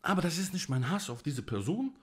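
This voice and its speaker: A man's voice: fairly high pitch, big pitch swings, a little fast, breathy edge. A man delivering an angry, emotional monologue to camera, ranting in blunt, coarse language. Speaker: vlogger.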